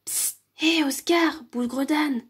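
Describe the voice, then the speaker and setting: A woman's voice: sits high, slow. Woman doing a sneaky grumbling imp. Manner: hissing, grumbling insults. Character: grumpy, sneaky little imp creature.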